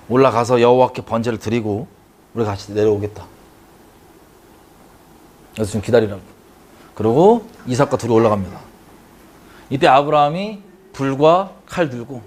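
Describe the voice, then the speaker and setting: A man teaching a Bible study, telling the story dramatically, acting out the characters' cries and putting questions to his listeners. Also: medium pitch.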